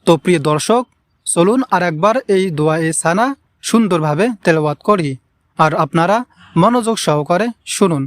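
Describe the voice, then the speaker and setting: This Quran recitation teacher has a high-pitched voice, speaks at normal speed, and the recording carries no echo. In a slow pronunciation lesson, he patiently repeats the words of an Arabic prayer and stretches its long vowels so learners can follow.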